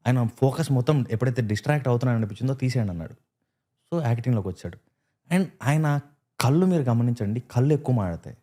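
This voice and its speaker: A man speaking as a podcast guest in a dark, mellow voice at a middle pitch. He tells stories with animation and slips into acted-out quotes as he goes. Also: quick pace. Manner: animated storyteller who acts out quoted lines. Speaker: guest actor. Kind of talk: casual podcast chat.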